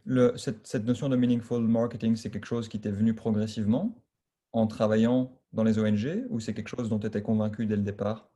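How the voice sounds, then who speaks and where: A man hosting a podcast, introducing the episode and questioning his guest in a brisk, informal way. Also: on the low side, fairly even intonation, warm tone. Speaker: podcast host.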